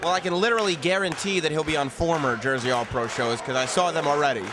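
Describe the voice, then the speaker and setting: High-voiced color commentator, a man. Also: quick pace. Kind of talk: live wrestling commentary. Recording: noisy live event background.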